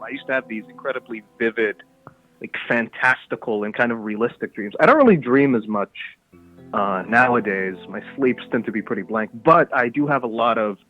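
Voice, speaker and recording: A man's voice: mid-range voice, phone-quality sound. A young man from Canada and Somalia, calling in and telling a rambling story in casual chat over the phone. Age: young adult. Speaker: caller.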